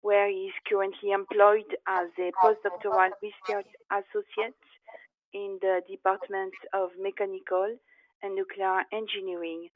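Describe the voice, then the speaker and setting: Flat-voiced woman introducing a speaker. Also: mid-range voice, normal speed, no echo. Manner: reads steadily, with occasional fillers. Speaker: webinar moderator. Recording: dry, tinny call audio.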